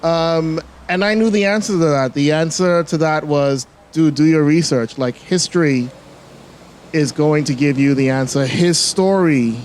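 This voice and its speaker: A filmmaker in his forties, speaking with a Bahamian accent blended with American, reflects casually as an interview guest, with many fillers and restarts. His voice is on the high side and darkish in tone, at a measured pace, with slight background noise.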